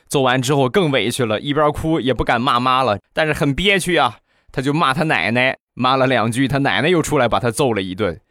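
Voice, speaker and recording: A man, hosting a podcast and telling comic stories in a chatty, relaxed way. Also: mid-range voice, dry recording, clean studio sound. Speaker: podcast host. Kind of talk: comic storytelling.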